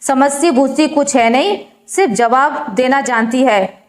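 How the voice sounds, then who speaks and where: A woman's voice: high voice, unhurried. Woman voicing a nagging stern mother-in-law. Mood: scolding. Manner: sharp, nagging. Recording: roomy echo.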